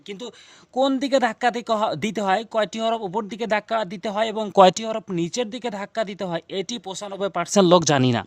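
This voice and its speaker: High-voiced man teaching recitation. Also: dry recording. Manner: spells out letters slowly and repeats each sound. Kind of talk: recitation lesson.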